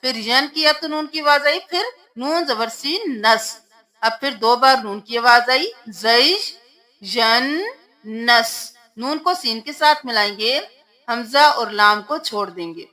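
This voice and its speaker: A woman's voice: fairly high pitch, sharp tone. A woman teaching Quran recitation, patiently spelling out words letter by letter in a tajweed lesson.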